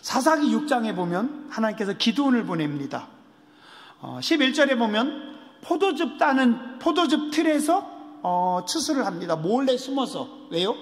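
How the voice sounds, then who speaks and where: High-voiced pastor in a reverberant church. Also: male voice, sing-song, normal speed. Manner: acts out Bible figures in casual speech; asks the congregation rhetorical questions. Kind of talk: sermon. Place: church sanctuary. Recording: long hall reverb.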